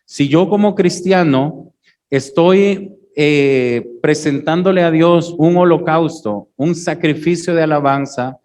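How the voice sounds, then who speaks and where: A man delivers a sermon in a voice that sits a little above the usual male range. He moves through scripture passages one step at a time, often pausing to check that the congregation is following. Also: a little high, a little mellow. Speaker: preacher.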